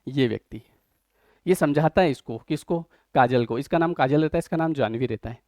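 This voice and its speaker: A man's voice: a little high, brisk, darkish tone, no echo, studio quality. A man teaching a vocabulary lesson, often asking questions and explaining words through everyday examples.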